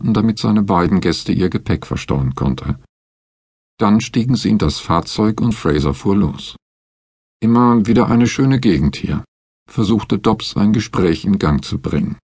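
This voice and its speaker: Man, audiobook narrator, husky, very slow, lively expressive storytelling, dry close sound. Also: lowish voice, no echo. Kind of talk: scripted narration.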